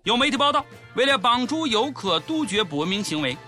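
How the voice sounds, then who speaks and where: A man's voice: very high voice, sing-song, a little fast, pushed and bright, soft background music. A man with a Shaanxi accent hosting a comedy show, delivering scripted commentary in an exaggerated, sarcastic way.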